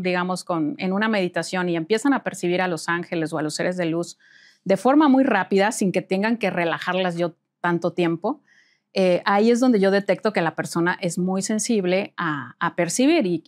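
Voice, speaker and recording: A woman, a spiritual healer guest in an interview, telling stories lively and acting out the dialogue. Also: mid-range voice. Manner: lively, acts out dialogue in quoted voices, laughs often. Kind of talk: storytelling in an interview.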